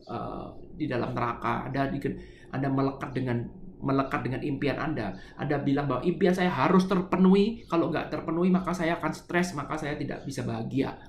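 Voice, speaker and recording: A man's voice: mid-range voice, fairly quick, roomy sound, a little hiss or hum. A middle-aged man giving a spiritual lecture, explaining a poem line by line and having listeners repeat words. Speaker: spiritual teacher.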